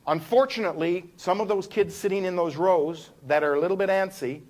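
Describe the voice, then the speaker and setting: A man teaching a live seminar to a room of people, animated, demonstrating different ways of speaking. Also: high-pitched, brisk. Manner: animated, demonstrates voices while explaining. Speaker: trainer.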